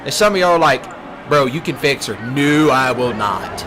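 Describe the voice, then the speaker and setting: Over game music and vehicle sounds, a young man from Mississippi with a Southern accent rants loosely through a let's play, cracking colloquial jokes at his own expense. His mid-range voice is animated and runs at a normal speed, with plenty of background noise.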